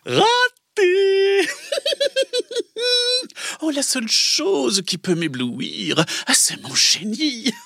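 A woman's voice: high-pitched, big pitch swings, very slow, vocal fry, pauses often, a bit bright, no room sound, full character voice. A woman playing a boastful evil mad scientist spider who pilots a robot, in a theatrical children's audio story. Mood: gloating, taunting.

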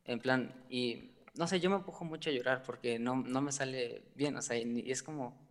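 This man, appearing as a guest on a talk show, opens up about his emotions in conversational, personal talk. His voice sits in the mid range and moves at a normal speed, broken up by frequent fillers and uneasy laughs, all heard through long reverb.

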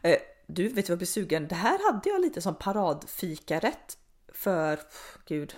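A woman's voice: fairly low pitch, sing-song, darkish tone. A woman hosting a casual chat, talking in a chatty way with many fillers and restarts and frequent laughs. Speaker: podcast host asking questions.

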